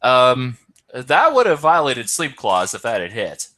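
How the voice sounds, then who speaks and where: A man's voice: mid-range voice, huge pitch swings, measured pace, a bit bright. A tired man hosting and commentating an online game tournament, hesitant, with many ums and self-corrections. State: tired, yawning.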